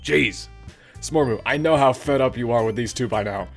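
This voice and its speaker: A man's voice: medium pitch, moderate pace, soft background music, close to an everyday voice. Man doing a snappy, short-tempered girl. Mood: annoyed. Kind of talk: reading game dialogue aloud.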